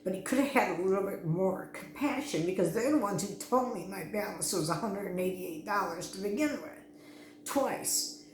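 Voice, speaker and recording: A woman's voice: medium pitch, normal speed, a little hiss or hum. A middle-aged woman vlogging casually, anxious and rambling, restarting her sentences often. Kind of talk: casual personal vlog. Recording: echoey room with faint ambience.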